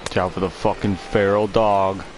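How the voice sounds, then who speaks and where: A man's voice: sits low, little pitch movement, moderate pace, a little hiss or hum. A man making casual, offhand, foul-mouthed reactions while following a game.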